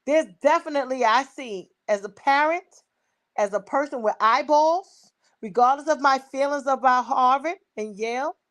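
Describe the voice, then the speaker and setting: High-pitched woman with a Brooklyn accent. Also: moderate pace, fairly bright tone. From Brooklyn, New York. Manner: emphatic, rhetorical questions, swearing. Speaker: commentator. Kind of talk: opinionated solo commentary.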